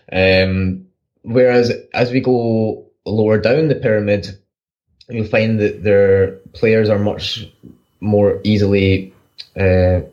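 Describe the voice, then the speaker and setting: A man co-hosting a podcast, explaining football tactics in rapid bursts with frequent restarts. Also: on the low side, darkish tone, lo-fi sound. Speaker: podcast co-host, football analyst. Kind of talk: casual analytical chat.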